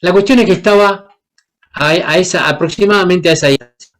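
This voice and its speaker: A man's voice: high voice, fairly quick, a bit bright. A man from Paraguay, preaching a sermon and asking the congregation questions as he acts out the Bible characters. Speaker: guest preacher.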